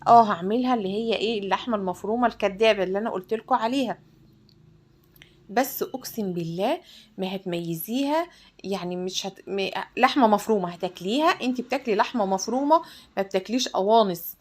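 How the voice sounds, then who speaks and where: Woman, Egyptian accent, home cooking host, rapid chatty delivery, kitchen recording. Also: medium pitch. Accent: Egyptian Arabic. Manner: chatty, addresses viewers directly.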